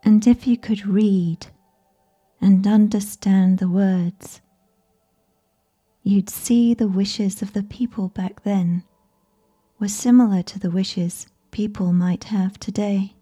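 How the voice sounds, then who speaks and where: A woman reads a sleep story softly, as if right in your ear. Her voice is very dark and mellow, breathy and half-whispered. She takes her time with every phrase, keeping it gentle and soothing. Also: mid-range voice, fairly even intonation, slow. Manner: whispery, close in the listener's ear. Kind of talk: soft ASMR scripted bedtime narration.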